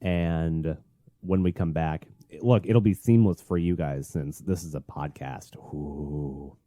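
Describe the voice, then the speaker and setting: A man's voice: sits low, unhurried, dark tone, no echo, clean studio sound. A man hosting a podcast like a shock jock, ranting bluntly and crudely with heavy swearing. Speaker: podcast host. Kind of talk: shock jock radio host monologue, profane ranting.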